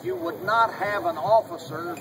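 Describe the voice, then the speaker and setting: A man narrating a historical reenactment in a formal, deliberate manner with old-fashioned phrasing, explaining things to an audience. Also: sits high, very animated, far from the mic. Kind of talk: explaining to an audience, in period character. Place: outdoors at a public event. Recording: noisy outdoor recording with loud ambient noise.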